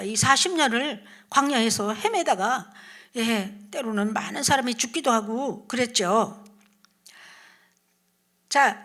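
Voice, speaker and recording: A woman evangelist tells a Bible story to children with animated storytelling. Her voice is bright and sits slightly high. She poses questions to her young listeners and slips into soft whispers.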